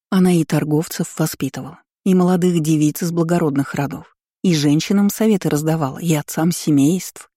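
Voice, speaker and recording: An audiobook narrator reading a story in an even, storytelling delivery. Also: mid-range voice, no echo, studio quality. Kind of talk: scripted narration.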